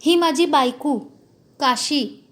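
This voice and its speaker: A woman's voice: high-pitched, slow. A woman voicing a cowed young village man who stammers apologies in a storybook reading.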